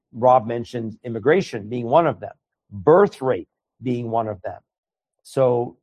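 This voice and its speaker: This is a man from Iran, a native Farsi speaker, talking as an interview guest at an ordinary mid-range pitch. He speaks earnestly and tends to stumble and repeat words at the start of phrases. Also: darkish tone. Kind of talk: conversational interview.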